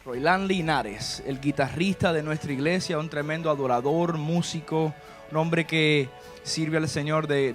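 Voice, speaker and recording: A man pastor hosting a church talk show, talking in a chatty preaching manner with frequent tag questions. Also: on the high side. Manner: preachy, warm and chatty, with many "¿verdad?" asides. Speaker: pastor and host.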